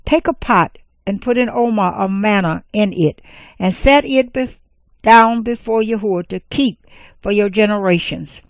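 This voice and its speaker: A woman reading the lines of Moses, an older male leader, in a measured, earnest voice. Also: medium pitch, dry recording, lightly acted.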